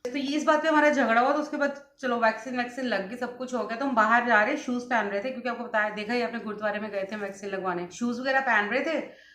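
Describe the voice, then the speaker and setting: A woman's voice: fairly high pitch, fast talker, fairly bright tone. A young woman, chatting in a casual vlog while unwell after a vaccine, telling stories and mixing in English words. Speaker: vlogger. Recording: echoey room.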